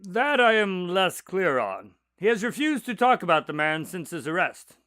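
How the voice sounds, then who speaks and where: A man plays a detective's doctor companion in a radio drama. He recounts cases conversationally, with varied intonation and a slightly high pitch. The recording is dry. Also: big pitch swings, normal speed, sharp tone, no room sound, exaggerated voice.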